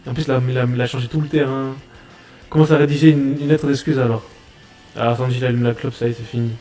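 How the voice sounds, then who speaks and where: A man hosting a reaction video, chatting casually in excitable, slangy banter and repeating his own phrases. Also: mid-range voice, fast, soft background music.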